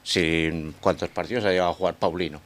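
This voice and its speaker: Deep voice guy on football radio, pretty opinionated. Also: fairly even intonation, brisk. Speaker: sports radio pundit. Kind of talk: casual radio debate.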